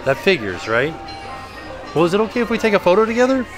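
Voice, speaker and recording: A man's voice: high voice, fast, over music. A man around his forties with an American accent, chatting casually and upbeat as a vlogger into a handheld camera. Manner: animated, upbeat. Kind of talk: casual chatty vlog narration. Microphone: handheld camera at arm's length. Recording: busy crowd noise behind handheld camera.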